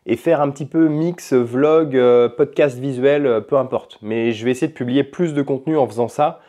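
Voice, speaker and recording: A man chatting casually at home in a vlog about language learning, talking in a relaxed, rambling way with frequent hesitations. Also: medium pitch, normal speed. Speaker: language-learning vlogger and podcaster. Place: at home in his apartment.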